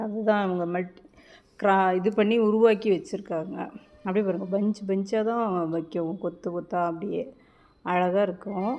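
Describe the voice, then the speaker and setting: A woman's voice: fairly low pitch, a little mellow, muffled recording. A woman gardening vlogger talking casually at home, chatty and informal, often cutting off and restarting words.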